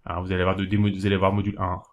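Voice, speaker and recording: A man talking casually to camera, giving practical tips in a rambling, hesitant way, with many fillers and self-corrections, slowing down to spell things out. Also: low-pitched, monotone, highs cut off. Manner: explains slowly, spelling things out while writing. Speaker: video host giving learning tips.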